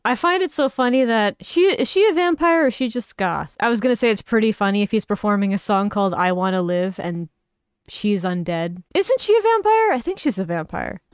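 A woman's voice: mid-range voice, brisk, smooth, no room sound, clean studio sound. A woman VTuber giving casual reaction commentary, chatty and incredulous, with sarcastic asides.

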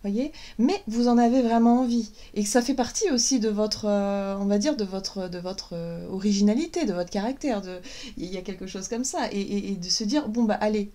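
A woman giving a casual spiritual guidance talk as a tarot and oracle reader, hesitant, full of fillers and restarts, gentle and encouraging. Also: mid-range voice, normal speed.

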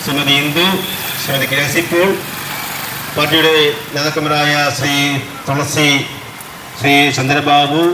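A man's voice: fairly high pitch, little pitch movement, a little slow, pauses often. A man with a Kerala accent giving a formal political speech as a local party leader. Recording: echoey outdoor setting with traffic noise.

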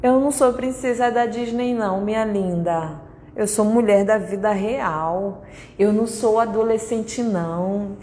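A woman's voice: mid-range voice, a little slow, mellow. A woman in her thirties with a Brazilian accent, giving a blunt, emphatic and repetitive motivational talk at a conference. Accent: Brazilian Portuguese. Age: 30s. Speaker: conference speaker. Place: conference hall. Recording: echoey hall, faint noise.

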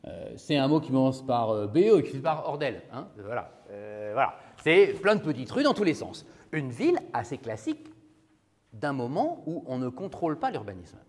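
Lively male law professor in a lecture hall. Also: medium pitch, moderate pace. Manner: conversational, asks the class questions. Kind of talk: university lecture.

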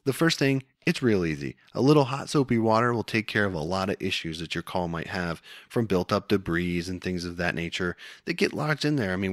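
A man's voice: deep voice, no echo, clean studio sound. A man co-hosting a podcast, giving casual, folksy instructional talk in plain-spoken words. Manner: folksy, plain-spoken, addresses listeners as guys. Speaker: co-host of a hunting tips podcast.

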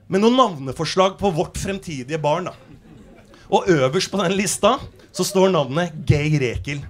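Give me a man with a high voice performing stand-up comedy on stage, telling stories brashly and swearing freely. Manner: brash, swears a lot, animated storytelling. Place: theater stage before a live audience.

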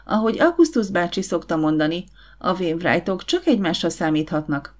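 A woman voicing a confident, warm young woman who runs a catering business, in an audiobook. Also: on the low side, sing-song. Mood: warm brisk. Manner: brisk, encouraging.

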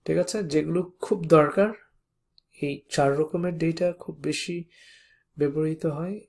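Tutorial instructor with a gravelly, unhurried delivery who spells out code word by word. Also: mid-range voice. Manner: explains step by step, often checks in with "okay?". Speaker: programming instructor. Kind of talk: coding tutorial lecture.

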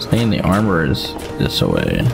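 Animated man commentating a game. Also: rumbling low, moderate pace, gravelly. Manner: animated, joking, swears freely. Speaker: gaming streamer. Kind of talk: casual let's-play commentary. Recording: game music in the background.

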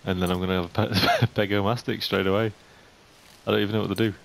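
A young man giving casual game commentary, chatting to the animals in the game and getting jumpy and excitable. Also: fairly low pitch, fast talker, gravelly. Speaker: gaming YouTuber. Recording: faint hiss.

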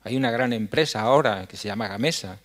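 An older man addresses a hall from a lectern. His speech is earnest and halting, broken by frequent fillers as he hunts for words. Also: mid-range voice, fairly bright tone. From La Mancha, Spain. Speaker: foundation head giving a talk. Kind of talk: conference speech. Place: dark stage in a hall. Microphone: stand mic at a lectern.

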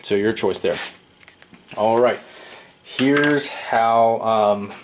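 Against a noisy background, a man with a voice on the low side explains a plumbing repair, one step after another, at his wooden workbench in an indoor workshop. As a DIY presenter in a casual hands-on tutorial, he stays relaxed, with many ums and self-corrections.

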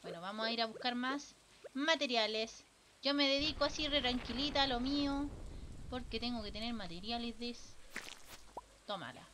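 A woman's voice: on the high side, moderate pace, background noise. A young woman with a Chilean accent, casually commentating a live game stream, chatting with viewers and swearing freely.

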